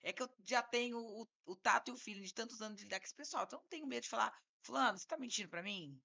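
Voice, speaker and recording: A woman's voice: a little high, rapid-fire, vocal fry, sharp tone. A woman with a Brazilian Portuguese accent, a criminal defense lawyer co-hosting a podcast, telling a story and acting out both sides of a phone call.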